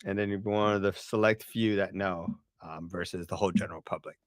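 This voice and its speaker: Low-pitched and steady in tone, he speaks briskly over a dry recording. A partnerships director from Puerto Rico with Spanish as his first language, he answers livestream questions in English in a loose, chatty way, often using fillers and restarting sentences.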